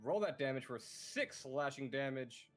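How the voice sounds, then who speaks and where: A man running a tabletop game as dungeon master, animated and swearing freely as he narrates the combat. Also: medium pitch, unhurried.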